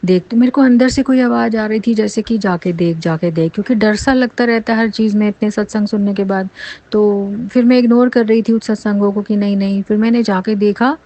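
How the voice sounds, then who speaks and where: A woman's voice: mid-range voice, fairly even intonation, a little fast, warm tone, muffled recording. A woman, earnestly telling a rambling personal spiritual testimony with many restarts. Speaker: devotee sharing a testimony.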